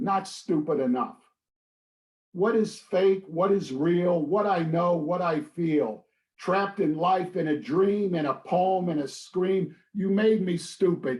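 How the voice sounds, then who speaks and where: A man reads his poetry in a fairly high voice, taking it slow and blunt. The room around him is echoey. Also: darkish tone. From Philadelphia. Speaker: poet reading his work. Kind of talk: spoken word reading.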